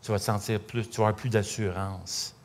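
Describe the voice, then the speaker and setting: A man's voice: fairly low pitch, flat delivery, brisk. A middle-aged man with a Québécois French accent preaching a sermon in a conversational, storytelling way with many fillers. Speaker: pastor.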